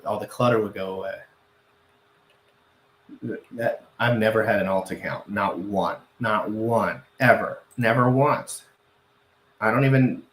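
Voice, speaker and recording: A man's voice: fairly low pitch, roomy sound, a little hiss or hum. A man hosting a casual crypto livestream, rambling and correcting himself, often repeating phrases for emphasis.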